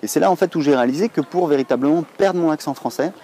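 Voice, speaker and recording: A man's voice: on the high side, very fast, mellow, slight background noise. A French man in his thirties talking casually to camera, chatty and rambling with many hesitations. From France. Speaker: online English teacher, blogger.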